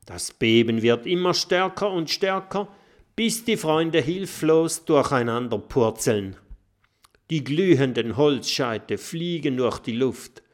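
A man reading a children's storybook aloud at an unhurried pace. His voice rises and falls widely to bring the story to life. The tone is clear and mid-pitched. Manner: expressive, storytelling. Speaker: narrator. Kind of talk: children's audiobook narration.

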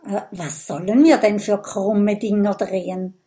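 A woman's voice: medium pitch, fairly even intonation, a little slow, warm tone, natural voice. A woman voicing a sceptical, grumbling female porcupine in a children's story. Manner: grumbling, mocking.

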